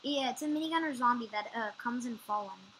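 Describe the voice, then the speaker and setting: A woman chatting casually while playing a computer game at home, quick to agree and often trailing off mid-sentence. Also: fairly high pitch, lively intonation, a bit bright, slight background noise, low-quality recording. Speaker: gameplay channel co-host. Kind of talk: casual gameplay chat.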